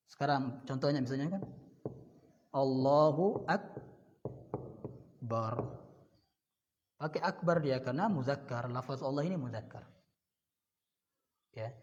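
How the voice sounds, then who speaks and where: Slow-talking male grammar teacher. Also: mid-range voice. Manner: repeats words, asks questions and answers them himself. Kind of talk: classroom lecture. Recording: dull lo-fi sound in a reverberant hall.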